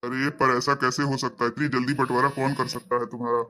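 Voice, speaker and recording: A woman voicing a calm older father who patiently talks his spoiled daughter down, in a comedy skit. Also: very deep voice, fast talker, pitched below the performer's own voice. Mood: soothing. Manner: patient, placating.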